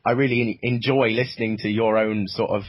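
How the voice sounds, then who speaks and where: A young man with a low, husky voice talks in a halting, casual way and keeps restarting his sentences. The sound is dull and lo-fi. It is recorded dry, with no room echo. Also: fairly even intonation. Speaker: writer and producer of an audio drama. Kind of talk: casual interview chat.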